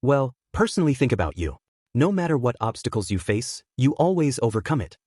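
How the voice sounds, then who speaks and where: A devoted young woman, affectionate and tender with her lover, as a man reads her in a storybook. Her lines swing through a lively range in a dry, close recording. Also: mid-range voice, fairly quick, no echo.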